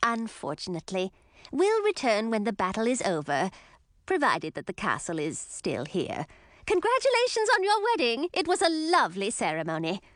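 A woman voicing a polite, formal female fairy envoy who speaks in a measured, courteous way. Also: on the high side, huge pitch swings, dry recording, studio quality, voice pushed up.

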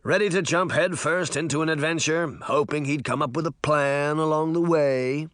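A man's voice: a little high, moderate pace, a bit bright, no echo, studio quality, voice pushed up, close to an everyday voice. A man doing a vain, pompous magic mirror. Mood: theatrical. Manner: pompous, showy bragging. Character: vain, theatrical male magic mirror face.

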